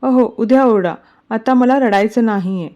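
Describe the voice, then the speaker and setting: A woman's voice: fairly high pitch, normal speed, warm tone, muffled recording, natural voice. A woman reading a storybook voicing an upset, hurt young wife who complains indignantly. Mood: tearful.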